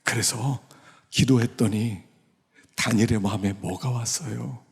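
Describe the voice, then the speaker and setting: A male pastor preaching a sermon in a church sanctuary, swinging from hushed whispers to loud exclamations and acting out inner voices. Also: medium pitch, very animated, normal speed, breathy edge. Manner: acts out inner voices and prayers. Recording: long church hall reverb.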